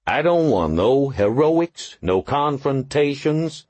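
A man's voice: mid-range voice, sing-song, slow, darkish tone, dry recording, pitched above the performer's own voice. A man reading an audiobook, voicing a blunt, overweight male police lieutenant who gives coarse, bossy orders.

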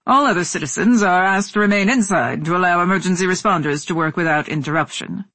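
A woman's voice: fairly low pitch, fast, a bit bright, no room sound. A woman voicing a shaken male radio news announcer with a formal broadcast delivery. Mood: grave.

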